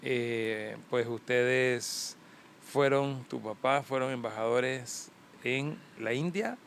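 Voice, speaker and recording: A man hosting a casual podcast interview, joking and asking quick questions. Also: medium pitch, vocal fry, fairly bright tone. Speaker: podcast host. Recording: faint background noise.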